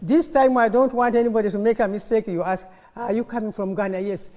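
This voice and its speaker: Here the mature Ugandan speaker, middle-aged or older, with Luganda as her mother tongue and a Ugandan accent, talks fairly quickly in a mid-range voice. Her informal conference speech is lively storytelling that asks questions of the live audience to get responses, recorded in an echoey hall with long reverb.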